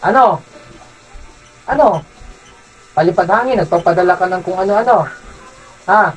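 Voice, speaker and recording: A faith healer from Zamboanga City, a man who interrogates a spirit with insistent, repeated questions and sharp commands. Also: sits high, normal speed, breathy edge, soft background music, poor audio. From Zamboanga City, Philippines. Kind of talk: healing session, interrogating a spirit.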